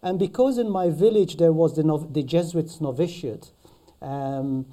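A man with a Maltese accent, recounting his life in conversation as a podcast guest, halting and often repeating his words. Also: fairly high pitch, dark tone. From Malta. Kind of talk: conversational personal recollection.

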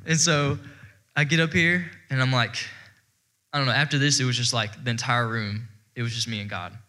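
A man's voice: mid-range voice, bright, forceful tone. A young man sharing a rambling, heartfelt testimony to a church audience, full of fillers. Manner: rambling and heartfelt, heavy with fillers, breaks into laughter. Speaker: church speaker giving testimony. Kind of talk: personal testimony to a congregation.

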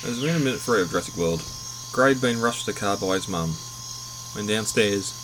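A man reads through a film scene by scene in an even, matter-of-fact voice that sits a little low. Crickets and insects chirp clearly behind him throughout. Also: brisk, noisy background. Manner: steady, matter-of-fact reading. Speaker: podcast narrator. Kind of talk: read minute-by-minute film recap.

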